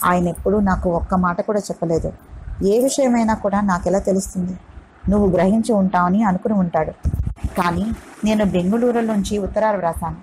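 A woman's voice: mid-range voice, a little fast, a little mellow, slight background noise, close to an everyday voice, rough recording. A woman voicing a proud young woman in a storybook reading, hesitant and wounded. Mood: hurt.

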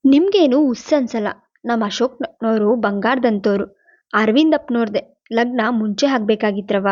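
A talkative older village maid, as a woman narrator puts her on, spilling household gossip in rustic dialect. Her voice sits fairly high, and the recording sounds somewhat dull. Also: normal speed, darkish tone, natural voice. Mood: gossipy. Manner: rustic dialect, chatty and confiding.

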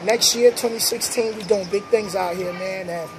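A man's voice: high-pitched, moderate pace. Hype New York man filming on the street. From New York City (Bronx). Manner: upbeat hype talk with street slang. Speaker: vlogger host. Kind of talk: casual street vlog chat. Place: city sidewalk at night under an elevated train. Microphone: phone camera at arm's length. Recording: loud passing train noise outdoors.

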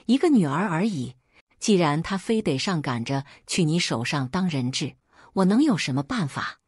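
A woman's voice: low voice, sing-song, normal speed, a little mellow, husky, no echo, studio quality, heavily acted. Woman voicing a sneering old chancellor. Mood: scornful. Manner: mocking, cold, sneering. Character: scheming, ruthless old male chancellor.

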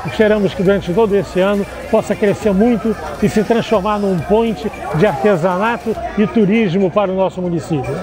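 An older Brazilian man, a community council president, giving a measured, speech-like statement at an outdoor craft fair. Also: high-pitched, a loud crowd. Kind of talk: formal street interview statement. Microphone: lapel mic.

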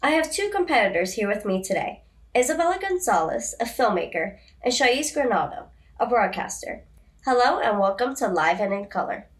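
A woman's voice: on the high side, very animated, normal speed. A teenage girl hosting a student podcast interview, upbeat and reading from a script. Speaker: podcast host.

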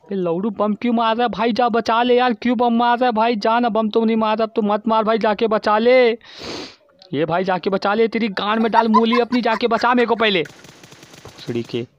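A man giving profane, frantic commentary while playing an online shooter, constantly shouting at his teammates, recorded on a dull lo-fi mic. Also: extremely high pitch, fairly even intonation, brisk, dry recording. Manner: swearing, yelling at teammates. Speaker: gaming streamer.

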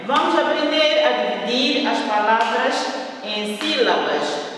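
A first-grade teacher with a Mozambican Portuguese accent talks to children at home in a high, unhurried voice. She repeats each word slowly and counts it out aloud. The recording is roomy and distant, with a long echo and a faint hum behind her. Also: expressive, fairly bright tone. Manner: slow, patient, repeats words and counts syllables aloud. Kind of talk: remote lesson for children at home. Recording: echoey room, voice from a distance.

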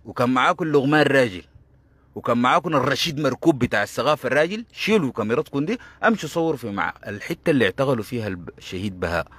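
A man's voice: medium pitch, fairly bright tone, slightly rough, dry recording. A man with a Sudanese Arabic accent giving a heated political commentary monologue, combative and sarcastic, hammering points by repeating them.

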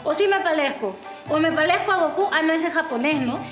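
A woman's voice: high voice, lively intonation, quick pace, reverberant, music in the background. A woman playing a bossy middle-aged Chinese restaurant owner who scolds her cook in broken Spanish with a Chinese accent. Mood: indignant. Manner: scolding, broken Spanish, nags and drills phrases. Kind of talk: TV sitcom acting.

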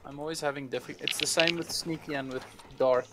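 Polite apologetic man, slightly high. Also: fairly even intonation, a little fast, heavy background noise. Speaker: tank player in a raid. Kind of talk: casual gaming voice chat. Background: loud game music.

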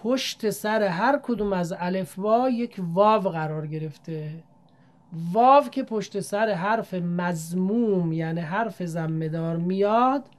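A woman teaching Quran reading, speaking politely and formally to learners and drawing out each demonstrated syllable in a measured way. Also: on the low side, a little mellow. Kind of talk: recitation lesson.

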